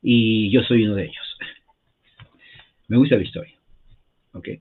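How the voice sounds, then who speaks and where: A man's voice: on the low side, measured pace, slight background noise. A man giving an informal history lesson in a chatty way, often repeating himself and checking in with his listeners. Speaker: history teacher. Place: lives in the United States. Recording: tinny phone-like sound.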